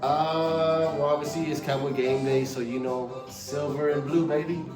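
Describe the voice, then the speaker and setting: A man chatting casually with coworkers at a barbershop, telling stories in a relaxed way. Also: fairly high pitch, moderate pace, roomy sound, over music. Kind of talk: casual chat.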